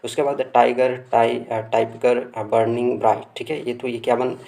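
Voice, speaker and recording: A man at a middle pitch, teaching a lesson. He reads definitions slowly and deliberately, then explains them more quickly. Fillers and checks on whether the students follow come up often. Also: level tone, gravelly, mellow. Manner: frequent fillers and tag checks. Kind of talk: classroom lecture.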